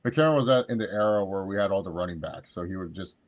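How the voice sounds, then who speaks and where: A man's voice: sits low, quick pace. A man in his thirties co-hosting a sports podcast, rambling casually with crude jokes and frequent restarts. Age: 30s. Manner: rambling, crude, self-interrupting. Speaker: podcast co-host.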